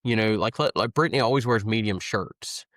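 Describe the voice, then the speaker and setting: A man's voice: fairly low pitch, a little fast, a bit bright, no echo, clean studio sound. A man co-hosting a podcast in casual chat, laid-back, saying "like" and "dude" a lot. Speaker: podcast co-host.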